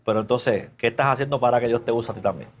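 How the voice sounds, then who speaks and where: A man preaching in a relaxed, conversational way, teaching a Bible class and often asking the listeners questions. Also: mid-range voice, quick pace, slight background noise. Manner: casual, chatty, asks the class questions; mixes English fillers into Spanish.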